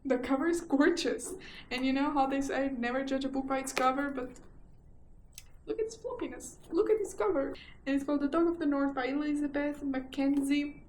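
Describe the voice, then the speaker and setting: A woman's voice: high-pitched, steady tone, brisk, slight background noise. A young Portuguese woman with a Portuguese accent, chatting casually about a book haul and repeating herself for emphasis. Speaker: book vlogger. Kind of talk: casual chat. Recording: echoey room with faint ambience.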